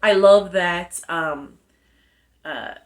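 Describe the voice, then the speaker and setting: A woman's voice: lowish voice, drawn-out words. Chatty young woman reviewing a book. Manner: chatty, animated retelling with many fillers. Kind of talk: casual book review chat.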